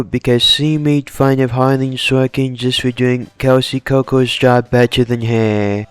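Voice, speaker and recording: A man casually pitching fan story ideas in long, rambling run-on sentences. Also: smooth, no echo.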